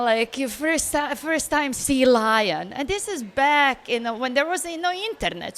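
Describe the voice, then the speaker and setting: High-voiced woman traveller. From Bosnia. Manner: animated storyteller, laughs easily, loose grammar. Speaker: guest traveller. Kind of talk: casual interview answers.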